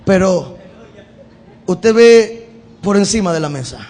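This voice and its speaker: A man's voice: sits high, expressive, takes it slowly, a little mellow. A male pastor, giving a sermon in a conversational style that repeats words. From Venezuela. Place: church. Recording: long hall reverb in church.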